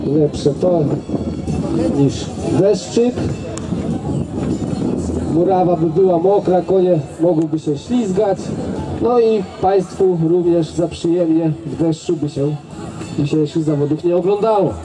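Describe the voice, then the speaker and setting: A man calling an outdoor driving event over a public address microphone, his voice sitting fairly high and his delivery unhurried. He chats to the crowd directly between runs. Loud music plays behind him. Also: low-quality recording. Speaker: event announcer. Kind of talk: live sports commentary over a public address. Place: outdoor carriage-driving competition field.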